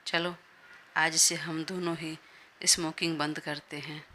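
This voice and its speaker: A woman's voice: low voice, little pitch movement, unhurried, pushed and bright, a little hiss or hum. A woman voicing a stubborn, playful young wife who teases, in a Hindi audio story.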